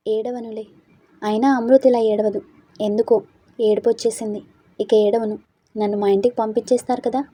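A weepy, headstrong young bride played by a woman narrator in a storybook reading. She pleads and sulks in a dark, husky voice. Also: fairly high pitch, little pitch movement, moderate pace, pauses often, dry recording. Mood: sulky. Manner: sobbing, pleading. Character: tearful stubborn young bride.

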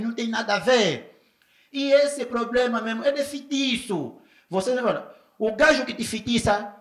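A man's voice: medium pitch, reverberant. A man with an Angolan Portuguese accent doing a slangy stand-up comedy set on a festival stage, acting out neighbors in quoted voices.

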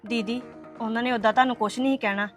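A woman's voice: fairly high pitch, fairly even intonation, quick pace, soft background music, lightly acted. A woman plays a young wife who soothes and placates her upset relatives. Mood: placating. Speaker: daughter-in-law. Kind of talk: family web series acting.

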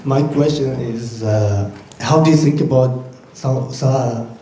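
A man from Egypt asking a hesitant, halting question from the floor of a conference hall. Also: medium pitch, warm tone. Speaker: audience questioner. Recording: echoey hall from a distance.

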